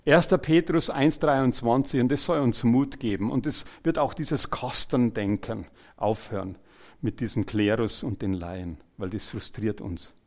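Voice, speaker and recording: Gravelly preacher, loud then hushed. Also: male voice, medium pitch, measured pace. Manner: swings between loud exclamations and quiet, earnest asides; jokes with the congregation and retells scripture in everyday terms. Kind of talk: evangelical sermon.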